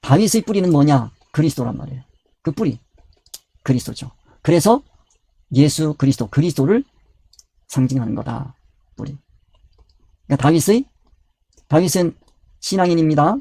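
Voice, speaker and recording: Male preacher, slightly high and husky, who asks and answers his own questions. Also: expressive, normal speed, long pauses, warm tone, no echo. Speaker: pastor. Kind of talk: Bible study sermon.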